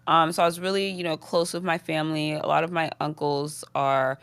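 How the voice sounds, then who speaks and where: A young British woman in her twenties, a guest rapper, chats casually in an interview, laughing a lot and dropping in "like" and "um." Her voice sits low with a level tone, a slightly fast pace, and a fairly bright, clean quality. The recording is dry.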